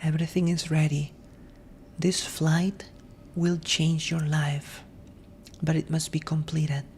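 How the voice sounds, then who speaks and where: A woman gives a gentle ASMR monologue in a mellow, slightly low voice. She speaks very slowly and reflectively, breathy and often slipping into a whisper. A faint low rumble sits behind her. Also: little pitch movement. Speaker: ASMR host.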